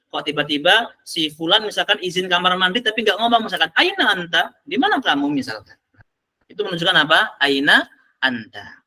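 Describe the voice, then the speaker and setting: A man's voice: sits high, bright, forceful tone. A man teaching an online Arabic class, quizzing students and praising their answers.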